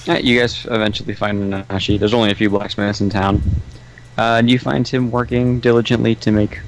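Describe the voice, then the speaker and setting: A man's voice: lowish voice, flat delivery, brisk, a little hiss or hum, rough recording. Man running a tabletop game. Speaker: game master.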